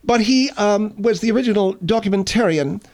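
A man's voice: high voice, fairly quick, a little mellow, pitched above the performer's own voice. A man voicing a brash, opinionated woman co-host with a snippy, self-important manner in comic radio banter. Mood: self-assured.

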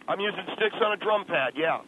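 Heard over a noisy, narrow telephone line, a man with a high-sitting voice and lively intonation talks a little fast. He's a rock drummer calling in for a casual on-air chat, laid-back yet defensive, slangy, and fond of "man" and "dude."

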